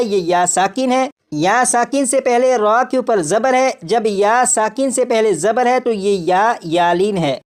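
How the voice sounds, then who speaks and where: Patient male recitation teacher. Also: very high voice. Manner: patient, repeats each rule and demonstrates sounds slowly. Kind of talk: step-by-step recitation lesson.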